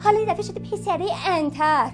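A woman's voice: on the high side, animated, close to an everyday voice. An actress playing a hurt young woman who answers her friend with sarcastic, cutting remarks. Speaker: film character. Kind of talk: feature-film dialogue. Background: film score music.

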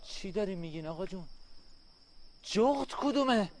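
A man's voice: high voice, lively intonation, slight background noise. An actor playing an earnest young man questioning his father, in a radio drama. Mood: worried.

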